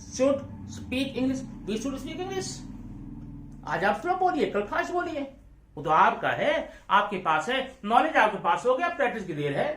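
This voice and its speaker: A man leads an English grammar lesson, repeating example sentences slowly and checking in with students through quick questions. His voice carries a roomy echo, as if the mic sits well away from him. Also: high-pitched, a bit bright, recorded from a distance. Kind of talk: classroom-style grammar lesson.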